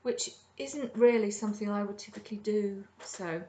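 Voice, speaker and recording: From her home kitchen, a middle-aged woman hosts a crafting podcast, chatting and rambling about her projects with lots of ums in a casual show-and-tell. Her mid-range voice is warm and fairly even in intonation, at a normal speed, with slight background noise.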